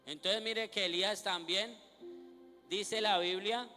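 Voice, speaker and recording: High-voiced preacher in a reverberant hall. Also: male voice, steady tone, slow, sharp tone. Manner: asks the congregation questions and answers them himself. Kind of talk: sermon reading scripture aloud. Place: church during a night vigil. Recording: reverberant church hall with music behind.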